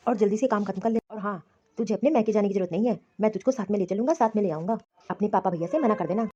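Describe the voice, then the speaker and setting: A woman voicing a harsh, stubborn young husband in an animated cartoon, speaking in an angry, threatening, domineering way. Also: mid-range voice, rapid-fire, husky, voice pushed down, lightly acted. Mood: bossy. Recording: slightly muffled lo-fi recording.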